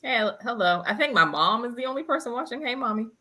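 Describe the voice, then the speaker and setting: A woman with a bright, lively voice chimes in with short, agreeable remarks. Her pitch moves a lot, even in brief replies. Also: fast. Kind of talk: casual group chat.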